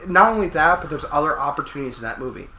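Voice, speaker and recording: Male let's play co-host, forceful bright delivery, emphatic casual opinions, echoey room with faint noise. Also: fairly high pitch, expressive, racing. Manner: opinionated, emphatic, repeats and rephrases himself. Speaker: let's play co-host commenting over the game. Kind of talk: casual opinionated chat over gameplay. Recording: roomy echo, faint background noise.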